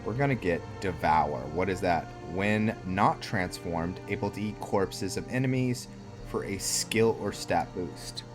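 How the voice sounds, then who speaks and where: Game music accompanies a man whose voice sits low yet carries lively intonation. Taking his time, the roleplay series host comments casually on the game, musing and rambling with thoughts that often drift off unfinished.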